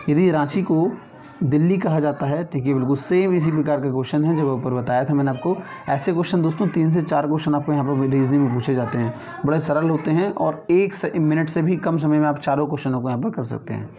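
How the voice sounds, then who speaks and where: A man's voice: fairly high pitch, brisk, mellow. A man teaching an exam-prep lesson, working through reasoning questions one by one and often checking in with his students.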